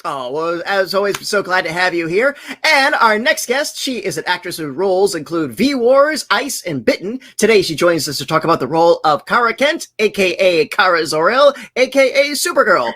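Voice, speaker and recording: A woman's voice: lowish voice, sing-song, normal speed, hardly any pauses, fairly bright tone. A woman hosting a virtual convention panel over a video call, reading upbeat introductions and laughing often. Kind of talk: upbeat scripted introductions and moderating.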